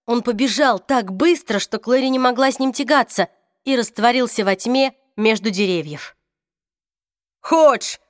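A woman reads a fantasy novel aloud with dramatic expression. Her voice sits somewhat high, and the recording is close and dry. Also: normal speed, no room sound. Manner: expressive dramatic reading, voices each character. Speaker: audiobook narrator. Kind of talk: scripted narration.

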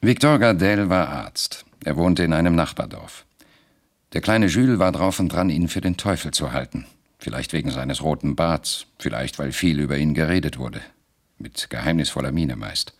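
A man narrating a radio drama in a measured, deliberate storytelling manner. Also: low-pitched, gravelly.

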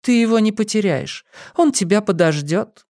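A man reading a book aloud, voicing a tender, calm mother in a soft, soothing voice. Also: medium pitch, moderate pace, no room sound, studio quality, pitched above the performer's own voice, close to an everyday voice. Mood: gentle. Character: tender middle-aged mother, gentle and calm.

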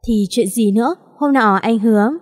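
Woman doing a sweet pleading young woman, high-ish voice, reverby. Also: normal speed, darkish tone, close to an everyday voice. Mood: coaxing. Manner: coaxing, pleading. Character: young woman, coaxing and affectionate. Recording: long reverb.

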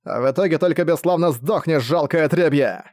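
A man's voice: on the high side, normal speed, a little mellow, no echo, studio quality, natural voice. A man voicing a proud, defiant older prince who commands a fleet, speaking in a haughty, scornful way.

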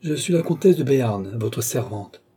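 A man's voice: mid-range voice, animated, normal speed, warm tone, husky. A man voicing a proud, stubborn old countess who speaks haughtily and takes offense easily. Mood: haughty. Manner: haughty, touchy.

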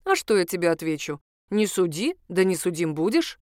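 A woman's voice: on the low side, very animated, normal speed, a little mellow, no echo. A woman voicing a bearded village priest, a blunt, hot-tempered man with folksy, scolding speech, in a dry recording. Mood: plain.

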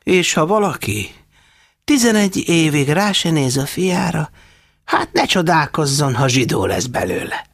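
A man reading an audiobook, voicing a shrewd, fussy old foster mother in a high, insistent voice. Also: sing-song, gravelly, fairly bright tone, dry recording, clean studio sound, full character voice. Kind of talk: audiobook character voice.

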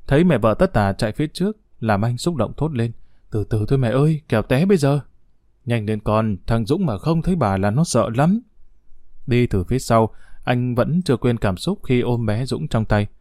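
A man telling a family story as scripted narration, in a calm, even way. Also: mid-range voice, no echo, clean studio sound.

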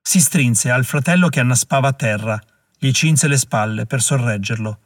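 A man narrating an audiobook in a measured way, slowing down at dramatic moments. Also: mid-range voice, dry recording, studio quality. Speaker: audiobook reader.

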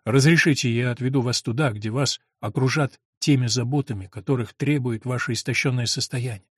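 Man doing a gentle soothing rescuer. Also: medium pitch, husky, no echo, clean studio sound, voice pushed down, lightly acted. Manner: slow, soft, soothing. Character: gentle young nobleman rescuer, calm.

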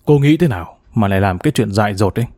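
A man voicing a patient, gently wry retired male investigator in his sixties or older, speaking calmly in a fatherly way. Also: fairly low pitch, racing, no room sound, clean studio sound, pitched below the performer's own voice.

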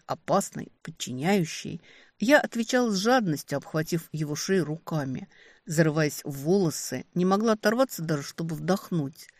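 A woman narrating a first-person romantic fantasy audiobook, expressive and lively on the heroine's lines. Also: on the low side, no echo.

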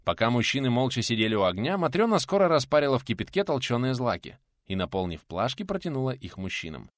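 Male audiobook narrator, dramatic steady read, animated delivery, dry. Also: medium pitch, fast, no room sound.

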